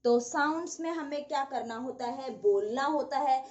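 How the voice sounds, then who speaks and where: A woman's voice: high-pitched, normal speed, darkish tone, dull audio. A woman teacher with an Indian English accent giving an online lesson, drilling words aloud and answering her own questions. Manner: drills words aloud, repeats them, asks and answers herself.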